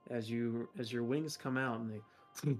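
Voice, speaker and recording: A man, narrating a tabletop game as game master in a relaxed, easygoing way. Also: mid-range voice, a little slow, faint music behind.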